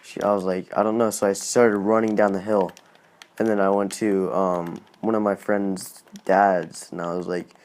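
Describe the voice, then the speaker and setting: A man's voice: deep voice, level tone, a little slow, a little mellow. A man hosting a gaming channel, telling a casual personal story in a rambling way, full of "like"s and restarts.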